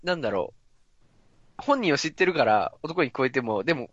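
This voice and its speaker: A man in his thirties, a guest who chats playfully and explains voice technique in halting bursts, laughing often. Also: medium pitch, very animated, a bit bright, no echo, dull audio. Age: 30s. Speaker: guest voice performer. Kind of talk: casual chat with a voice-training demonstration.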